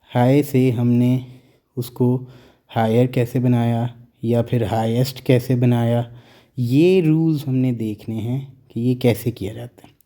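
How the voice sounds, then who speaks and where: A man teaching a grammar lesson, speaking slowly and explaining each rule, mixing English terms into Hindi-Urdu talk. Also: mid-range voice, fairly even intonation, dark tone.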